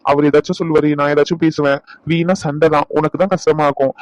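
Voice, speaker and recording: A man's voice: a little high, little pitch movement, fast, no echo, lo-fi sound, lightly acted. A man playing a playful husband who teases and coaxes his angry wife in a comedy skit. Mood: teasing. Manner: coaxing, teasing, pleading. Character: teasing young husband, playful.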